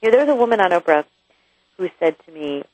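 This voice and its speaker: A woman's voice: on the low side, very animated, fast talker, a little mellow, lo-fi sound. A woman author guesting on a radio interview, talking candidly and chattily with frequent restarts and asides.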